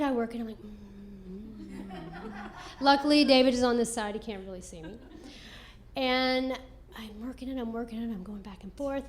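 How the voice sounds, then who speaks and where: A woman doing stand-up comedy, telling a self-mocking story in an animated way on a comedy club stage. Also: high-pitched, a little hiss or hum. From American South.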